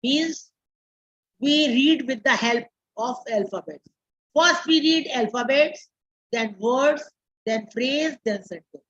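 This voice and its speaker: Slow, high-voiced Indian woman lecturing. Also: a bit bright, muffled recording. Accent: Indian English. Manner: slow, repeats terms, switches to Hindi. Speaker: teacher educator. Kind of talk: classroom lecture. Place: classroom.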